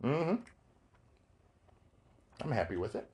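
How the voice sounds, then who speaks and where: A man co-hosting a casual podcast, talking slowly with many pauses and fillers. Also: mid-range voice, big pitch swings, a little mellow. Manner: slow, hesitant, many fillers. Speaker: podcast co-host. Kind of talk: casual chat.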